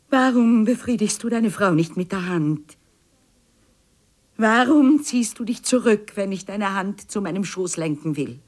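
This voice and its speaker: An actress playing a neglected wife confronting her husband in a radio play, moving between hushed whispers and tearful pleading. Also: medium pitch. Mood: probing.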